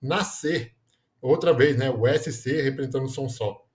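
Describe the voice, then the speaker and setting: A man's voice: mid-range voice, moderate pace, a little mellow. A man explaining grammar in a lesson, often checking in with "né?" and correcting himself mid-word. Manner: explanatory, frequent "né?" tags, self-corrections. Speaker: teacher.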